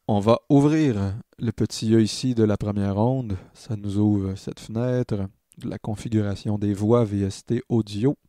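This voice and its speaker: This music production tutor, whose Quebec French accent comes through, walks through software in a casual, hesitant way with a low voice. The audio is studio quality, with no echo.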